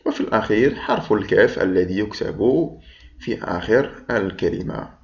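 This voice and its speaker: A man teaching first-graders to read, sounding out syllables patiently and pausing for them to repeat. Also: on the low side, expressive. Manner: patient, drawn-out, repeats sounds for pupils to echo. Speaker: primary school teacher. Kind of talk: slow syllable-by-syllable reading lesson. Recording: dull lo-fi recording.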